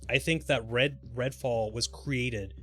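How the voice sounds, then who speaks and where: On a live gaming stream, a man chats casually and speculates in a rambling, informal way over background music. His mid-range voice is a bit bright and unhurried.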